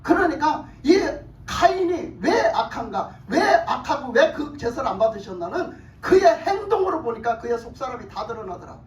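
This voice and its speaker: A woman pastor preaching a sermon, emphatic and animated, putting questions to the congregation and often laughing. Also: high voice, normal speed, a little hiss or hum. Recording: echoey hall from far off.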